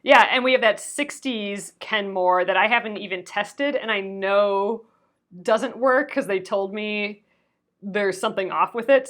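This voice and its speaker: A woman hosting a live sewing stream, chatting casually as she stitches, her voice strained and fading from a sore throat. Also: mid-range voice. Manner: chatty, rambling, often restarts and laughs. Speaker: crafting livestream host.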